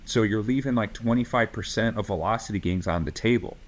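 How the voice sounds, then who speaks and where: A man's voice: on the low side, fairly quick. A man co-hosting a podcast as a strength coach, talking casually and ranting with passion, swearing freely, full of fillers and restarts.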